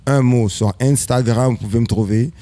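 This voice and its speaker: Emphatic Quebec French guest, slangy. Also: male voice, mid-range voice, moderate pace, dark tone. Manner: emphatic, slangy, mixes English words into French. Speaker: guest entrepreneur. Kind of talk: casual chat.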